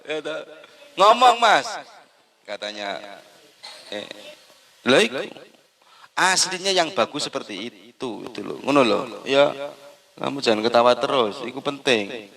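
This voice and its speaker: Pendakwah pria berlogat Jawa Timur, suara cerah, gaya ceramah jenaka yang hidup. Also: male voice, medium pitch, measured pace, creaky, pauses often, rough recording. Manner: lively storytelling, acts out wife and husband in dialogue; mixes Indonesian with Javanese phrases. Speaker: preacher. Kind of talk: humorous religious sermon.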